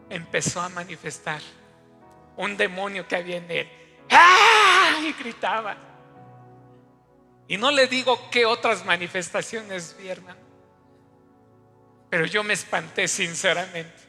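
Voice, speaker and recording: A pastor in his fifties preaches a sermon, telling a story directly to the congregation in a high, bright, forceful voice. The church hall recording carries a long reverb with faint music underneath.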